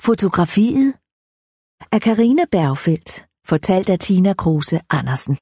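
A woman narrating an audiobook in a calm, measured reading voice. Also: on the low side, breathy edge, no room sound, studio quality.

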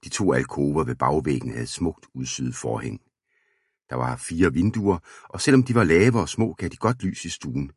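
A man narrating a historical storybook aloud in a steady, even way. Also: extremely low pitch, husky, no room sound, clean studio sound. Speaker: audiobook reader.

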